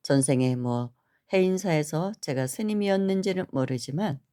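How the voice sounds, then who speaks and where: A middle-aged woman earnestly recounting a personal spiritual dream, often pausing with an affirming "yes". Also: low voice, animated, mellow. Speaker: spiritual storyteller. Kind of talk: personal storytelling.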